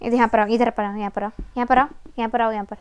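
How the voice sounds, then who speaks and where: A woman's voice: fairly high pitch, little pitch movement, very fast, clear, resonant tone. A mother, speaking, patiently coaching her child through ball exercises, counting and prompting again and again.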